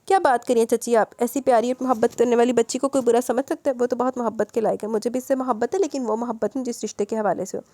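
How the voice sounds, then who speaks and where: A woman voicing a gravely ill young man who pleads in an earnest, measured way in an audio novel. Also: on the high side, fairly even intonation, warm tone, no room sound, close to an everyday voice. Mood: pleading.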